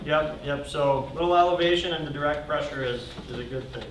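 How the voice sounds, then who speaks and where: Speaking briskly in a slightly high voice, this man runs a first-aid class as a firefighter, giving informal explanations as he shows the techniques by hand. The recording has an echoey room, a far-off microphone, and a little background noise.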